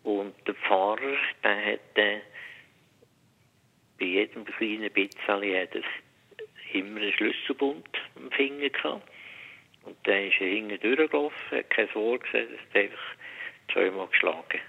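A man in his sixties with a Biel-Solothurn Swiss German accent, calling in to a radio show and telling his story in a halting, hesitant way. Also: lowish voice, vocal fry. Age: 60s. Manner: halting, hesitant, full of pauses. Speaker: radio caller. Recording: muffled phone line with reverb.

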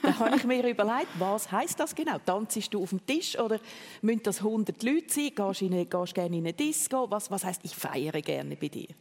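Swiss German host, curious questions, mid pitch, long reverb. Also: animated, normal speed. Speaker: interview host. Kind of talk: radio interview.

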